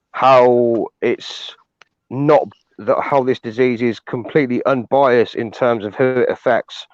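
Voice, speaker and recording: British guy talking serious stuff, measured, um's here and there, dry lo-fi sound. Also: mid-range voice, clear, resonant tone, no echo. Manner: earnest and measured, with fillers. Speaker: guest. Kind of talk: casual chat.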